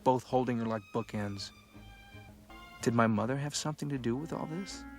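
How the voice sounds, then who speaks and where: An actor playing a brooding young man who narrates his search in dry, measured hardboiled voice-over. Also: medium pitch, close to an everyday voice. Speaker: film narrator. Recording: film clip under loud music. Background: film score.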